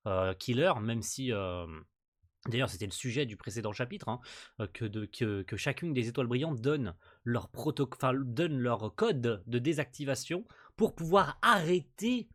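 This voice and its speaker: A man hosting a casual manga chapter reaction, excitable, swearing and laughing as he reads panels aloud. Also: mid-range voice.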